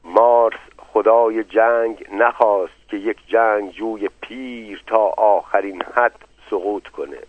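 A man's voice: fairly low pitch, fairly even intonation, natural voice. A man doing a pompous, paranoid old patriarch. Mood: solemn. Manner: muffled, drawn-out, grandiose. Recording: narrow phone-like dry recording.

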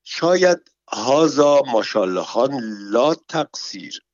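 A man's voice: mid-range voice, big pitch swings, no echo, pitched above the performer's own voice, close to an everyday voice. A man reading a story, voicing a frightened man disguised as a nanny who stammers in panicky broken Arabic. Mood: panicked. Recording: dull, dry recording.

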